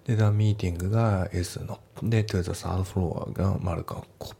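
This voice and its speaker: A man walks through an English practice question in a relaxed, chatty teaching manner, with plenty of fillers. His voice sits very low and gravelly, with a mellow, dark tone. A faint hiss runs under the recording. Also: measured pace. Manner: relaxed, explanatory, many fillers. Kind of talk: casual lesson walkthrough.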